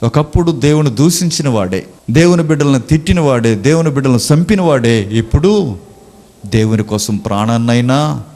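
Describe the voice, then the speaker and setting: A man's voice: mid-range voice, lively intonation, moderate pace, darkish tone. A male pastor preaching a sermon, asking the congregation rhetorical questions and addressing them directly.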